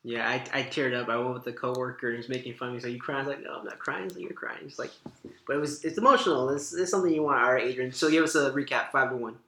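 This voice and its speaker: Enthusiastic man, bright voice, echoey room. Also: medium pitch, racing, a little hiss or hum. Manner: enthusiastic, leads the rundown. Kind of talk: casual movie chat.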